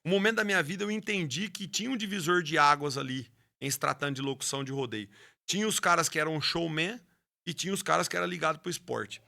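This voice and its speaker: A man's voice: fairly high pitch, quick pace, gravelly, bright, forceful tone. A man, a rodeo announcer and horse trainer telling his story with passion in an interview, often restarting his words. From Brazil. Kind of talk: interview conversation.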